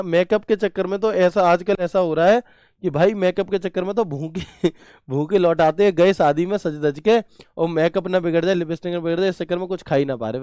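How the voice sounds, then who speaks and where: A man's voice: high-pitched, darkish tone, smooth, no room sound, clean studio sound. A man teaching a computer class online, chatty, asking questions and answering them himself with homely examples.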